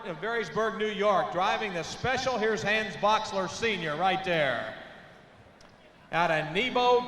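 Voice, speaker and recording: A man's voice: high voice, bright, forceful tone. A man working as a tractor pull announcer, stretching out names as he addresses the crowd. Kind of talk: event announcing over public address. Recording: echoey arena PA with faint noise.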